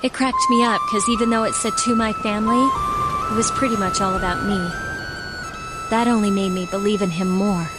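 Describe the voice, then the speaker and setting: Woman acting a hurt teenage girl over loud music. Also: medium pitch, steady tone, brisk, lightly acted. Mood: wounded, reflective. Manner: emotional, confiding. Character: hurt, earnest teenage schoolgirl who idolized her father. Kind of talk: dubbed video game drama acting.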